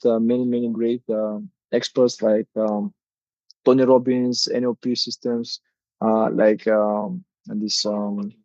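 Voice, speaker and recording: A man in his thirties from Bulgaria, a native Bulgarian speaker talking in English with a Bulgarian accent, as a guest coach in a casual interview, halting and full of hesitations. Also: mid-range voice, darkish tone, dry recording, lo-fi sound.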